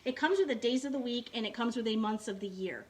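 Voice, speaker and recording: A woman's voice: a little high, quick pace, a little mellow, a little hiss or hum. A woman who teaches English online gives a casual tour of her home classroom setup and keeps talking straight to her viewers. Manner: chatty, keeps addressing viewers with y'all and right.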